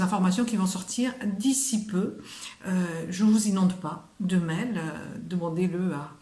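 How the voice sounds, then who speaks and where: A woman's voice: mid-range voice, a little mellow, echoey room. A woman teaching a casual online language lesson, chatty and often putting questions to the viewer. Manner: chatty, asks the viewer questions, drops into whispers.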